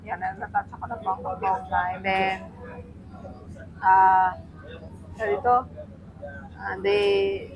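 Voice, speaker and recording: A woman casually recapping a manga, animated and acting out the quotes, laughing often. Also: mid-range voice, slow pace, long pauses, slight background noise, low-quality recording. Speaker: manga reviewer. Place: public place with people around.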